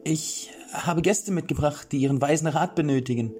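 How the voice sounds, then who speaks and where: A man's voice: on the high side, moderate pace, dark tone, voice pushed up, lightly acted. A man voicing a woman at a royal court in an audiobook, raising his voice to sound female and formal. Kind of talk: audiobook character voice. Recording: clear background music.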